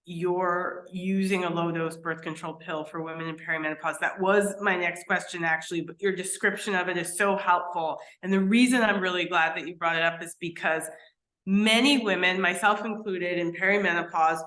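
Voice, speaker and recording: A woman interviewer talking eagerly and warmly affirming her guest. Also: on the low side, fairly even intonation, normal speed. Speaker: interview host. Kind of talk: interview talk. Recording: echoey room.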